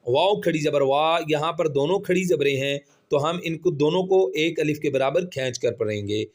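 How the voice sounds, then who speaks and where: A man teaching Quran reading, spelling out syllables slowly and patiently and drawing out the vowels. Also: a little high. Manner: slow, patient, drawn-out syllables when spelling. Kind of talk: spelling-out recitation lesson.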